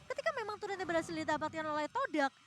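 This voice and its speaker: An Indonesian woman giving live play-by-play as an excited fighting game announcer, surging on the big plays. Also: very high voice, fast. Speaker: esports shoutcaster.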